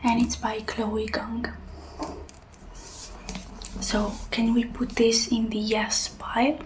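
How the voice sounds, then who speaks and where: A woman in a whispered role-play as a helpful librarian, speaking in a hushed, breathy whisper. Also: on the high side, level tone, slow, a little hiss or hum. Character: helpful soft-spoken female librarian suggesting books.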